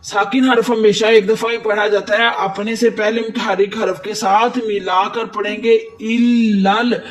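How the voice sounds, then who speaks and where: A man's voice: high voice, little pitch movement, recorded from a distance. A man teaching Quran recitation rules step by step, patiently repeating each word for drilling. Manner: patient, methodical, repeats words slowly for drilling. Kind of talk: step-by-step tajweed lesson.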